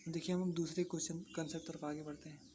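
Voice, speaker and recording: Maths tutor, steady monotone delivery, restates every step, quizzes then answers self; faint birdsong behind. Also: medium pitch, quick pace, slight background noise. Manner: repeats points, asks and answers own questions. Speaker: maths teacher. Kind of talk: explaining a lesson to exam students.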